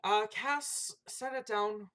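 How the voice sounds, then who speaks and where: A tabletop game player who is excitable and sarcastic, often stumbling over words. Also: medium pitch, takes it slowly.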